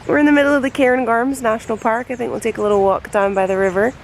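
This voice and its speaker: A woman travel vlogger chatting casually, her voice hoarse and giving out, with a raspy, smoker-like sound. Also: fairly high pitch, fairly even intonation, fast. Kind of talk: casual travel vlog chat. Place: in a moving car and outdoors on a road trip. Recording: noisy car and outdoor ambience.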